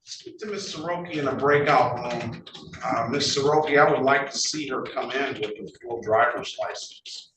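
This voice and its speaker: On a courtroom recording, a man serving as traffic court judge speaks haltingly, repeating words and dropping folksy asides. His mid-range voice is a bit bright, and the audio is noisy, echoey, and picked up from a distant mic.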